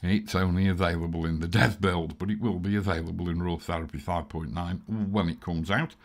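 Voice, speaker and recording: A man explaining photo editing software in a chatty, self-deprecating tutorial. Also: deep voice, steady tone, brisk. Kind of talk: screen-recorded software tutorial.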